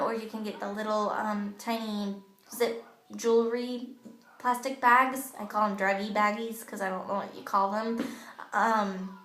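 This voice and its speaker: A direct-sales makeup team leader with a childish-sounding voice gives her sales team a casual, chatty training talk packed with ums and you-knows. Her voice is on the high side and fairly bright. She records on an old smartphone camera in her home bathroom, so the sound is echoey.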